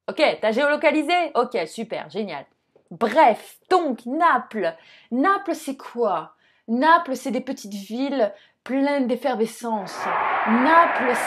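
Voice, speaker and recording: A young woman teaching Italian in a relaxed video lesson. Her voice sits a little high, and she chats and jokes as she talks straight to the viewer. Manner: chatty, jokey, addresses viewer directly.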